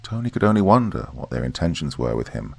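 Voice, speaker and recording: A man narrating a horror story in a steady, measured reading voice. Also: rumbling low, gravelly, slightly rough, no echo, faint music behind.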